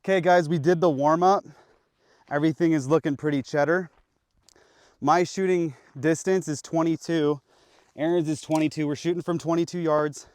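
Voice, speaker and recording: A young man from the US Pacific Northwest hosts an archery vlog on public land, hyped up and full of slang as he talks to the camera. His voice is a little high and darkish, steady in tone, at a moderate pace. The action-camera audio is clean with no echo.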